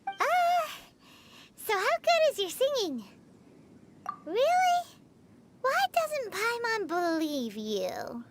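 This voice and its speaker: A woman voicing a tiny, chirpy, childlike fairy companion in a video game, with a squeaky voice and a blunt, nosy, exclaiming manner. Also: huge pitch swings, extremely slow, pauses often, very noisy, exaggerated voice. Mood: curious, eager. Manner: refers to self by name, exclaiming, outspoken. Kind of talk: cartoonish video game acting.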